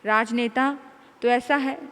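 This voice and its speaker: A woman's voice: on the high side, fairly even intonation, takes it slowly, fairly bright tone, in a large hall. A woman spiritual speaker giving a sermon, telling a story and acting out its dialogue with animation.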